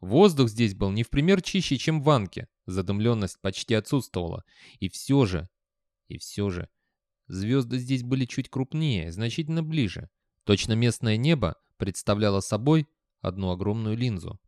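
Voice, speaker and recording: A man's voice: on the low side, expressive, normal speed, a little mellow, no room sound, clean studio sound. Man reading an audiobook. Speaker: audiobook narrator. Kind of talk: scripted narration.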